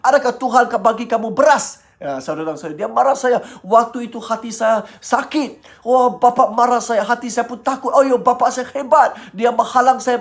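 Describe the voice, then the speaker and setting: A middle-aged man preaching a devotional sermon as a pastor, earnest, repeatedly addressing brothers and sisters and acting out quoted voices. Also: high-pitched.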